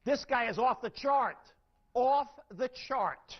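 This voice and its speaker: A man's voice: extremely high pitch, animated, slow pace. A middle-aged man giving a seminar talk, asking the audience questions and answering them himself, recorded on dull lo-fi live-talk audio. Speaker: speaker. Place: lecture room with audience.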